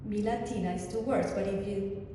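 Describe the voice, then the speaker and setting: A woman from Chile with a Chilean Spanish accent, a native Spanish speaker, talking casually to an audience as a guest artist, animated, with many restarts. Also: mid-range voice, moderate pace. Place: church hall. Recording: distant echoey hall with faint noise.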